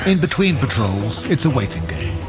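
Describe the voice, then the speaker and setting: A man's voice: mid-range voice, wildly swooping pitch, moderate pace. A man reading dramatic, scripted documentary narration in grave, emphatic short phrases. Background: music.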